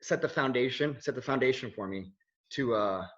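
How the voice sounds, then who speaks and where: Being interviewed casually, this Swiss-raised video journalist in his thirties has no accent and speaks at normal speed with a medium, fairly bright voice. He's earnest but rambling, constantly restarting and using fillers, and the recording sounds dull and lo-fi.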